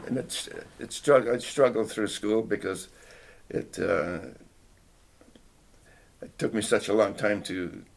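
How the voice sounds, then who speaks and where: Speaking slowly with long pauses, this older Canadian man, whose mother tongue was Finnish, reflects hesitantly on his childhood during an oral history interview. His pitch is fairly low, and he often restarts sentences and clears his throat.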